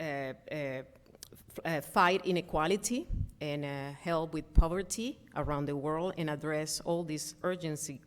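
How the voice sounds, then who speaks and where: Conference speaker: low-pitched, middle-aged woman, earnest and hesitant with many fillers. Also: clean tone. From Venezuela. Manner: earnest, frequent ums and uhs, restarts. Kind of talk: prepared conference talk.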